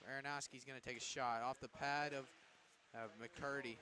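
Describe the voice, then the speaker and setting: A man's voice: mid-range voice, flat delivery, fast talker, pushed and bright. A young man calling hockey play-by-play for a student broadcast, upbeat and jokey. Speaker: play-by-play announcer. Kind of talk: student sports commentary.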